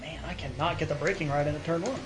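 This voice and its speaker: A man's voice: on the high side, quick pace, over music. A young man joking, swearing freely and mocking himself over casual voice chat while sim racing. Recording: noisy game audio behind voice chat.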